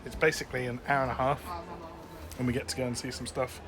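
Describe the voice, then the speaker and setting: A man chatting casually as he films a travel vlog outdoors, relaxed and quick to laugh. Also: mid-range voice. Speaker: travel vlogger. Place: outdoors at sightseeing spots. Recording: loud outdoor wind and traffic noise.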